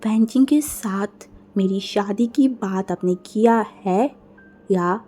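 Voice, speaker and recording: A woman voicing a furious young man who hurls loud threats and commands in a told story. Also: mid-range voice, slow pace, soft background music. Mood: cold anger.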